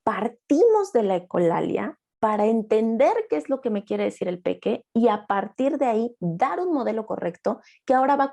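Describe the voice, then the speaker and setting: A woman's voice: fairly high pitch, vocal fry, mellow. A young adult woman therapist giving an online master class, explaining patiently and acting out short lines of children and parents.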